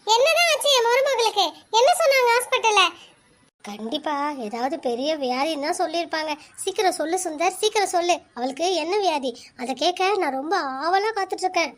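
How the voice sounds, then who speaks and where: Someone voicing a shrill fretting mother-in-law. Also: big pitch swings, fairly quick, a bit bright, full character voice. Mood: impatient. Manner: worried, talks over others, fussing. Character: anxious middle-aged mother-in-law. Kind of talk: cartoon voice acting.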